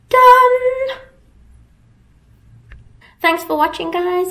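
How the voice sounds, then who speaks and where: Unhurried South African woman showing a craft. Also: a little high, a little mellow, a little hiss or hum. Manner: easygoing, chatty, drops in local slang. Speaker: craft presenter. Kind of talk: relaxed craft tutorial.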